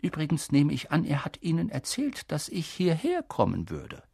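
Calm old wizard guy, reader doing the voice, slow and soft, husky, dry sound. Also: medium pitch, no echo, pitched above the performer's own voice, full character voice. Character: old male wizard headmaster, calm and gentle.

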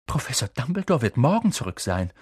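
A man's voice: medium pitch, very animated, fairly quick, a little mellow, breathy edge, no echo, clean studio sound, voice pushed up. A man voicing a stern, strict older woman professor who speaks in a clipped, commanding, cool manner. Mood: brusque.

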